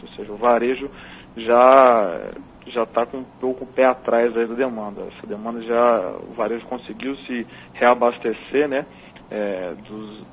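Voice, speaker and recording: A man with a Brazilian accent, a market analyst, explaining prices in a measured, analytical way while heard over a phone line. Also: medium pitch. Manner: measured, analytical, tags points with "né?". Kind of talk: explaining market figures on a call-in interview. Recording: dull phone line with faint noise.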